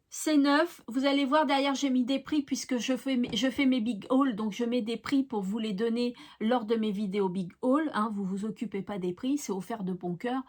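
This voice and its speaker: Chatty high-voiced French-speaking woman. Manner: chatty, fond, lots of fillers, addresses viewers directly. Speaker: craft channel host. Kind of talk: chatty giveaway presentation.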